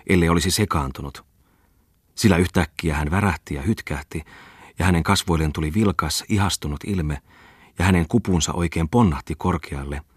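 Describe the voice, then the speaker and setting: A man narrating a classic novel as an audiobook in a measured, even way. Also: deep voice, slightly rough, no echo, studio quality.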